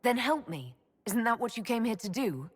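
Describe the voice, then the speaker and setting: High-voiced earnest heroine, reverberant. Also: female voice, big pitch swings, normal speed. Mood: uneasy. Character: earnest, determined female fantasy heroine leader. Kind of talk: dramatic fantasy game acting. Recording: long reverb, loud background music.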